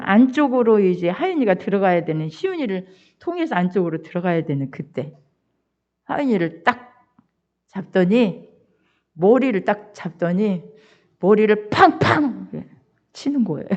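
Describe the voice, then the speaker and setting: An older woman pastor preaching a sermon, telling a family story in an animated, expressive way. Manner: animated, expressive storyteller with wide swings in pitch. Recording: dull lo-fi church recording.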